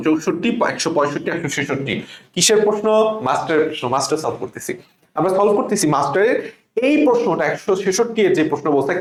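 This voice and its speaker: A man with a Bangladeshi accent teaching a spelling lesson for exam prep, slowly drawing out each word letter by letter. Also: high-pitched. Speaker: English teacher. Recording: echoey room.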